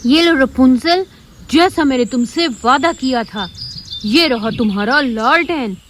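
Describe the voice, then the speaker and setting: A woman voicing a gruff male dinosaur who lives in a cave, speaking slowly and making demands. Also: high voice, slight background noise. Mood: demanding.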